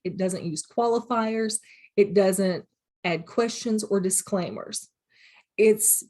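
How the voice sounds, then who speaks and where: A woman's voice: mid-range voice, a little mellow. A middle-aged woman, a college instructor, giving a recorded lecture in a plain, practical way, with examples from her own classroom.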